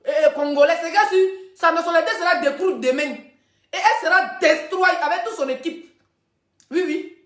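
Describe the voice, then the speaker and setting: A woman hosting a ranting gossip live stream, animated, laughing often and addressing her viewers directly. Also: very high voice. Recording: roomy echoey room.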